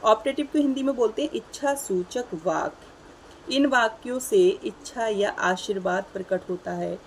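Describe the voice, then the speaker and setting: Woman, grammar teacher, slow read-out examples, slightly high pitch, faint background hiss. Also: poor audio. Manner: reads English examples slowly, then explains. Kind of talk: explaining English grammar in Hindi.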